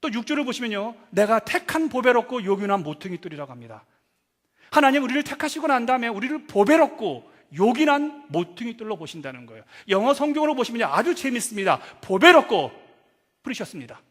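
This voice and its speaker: A middle-aged male pastor giving a dramatic Sunday sermon, swinging from loud acted quotes to hushed asides. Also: extremely high pitch, very animated, brisk. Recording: long church hall reverb.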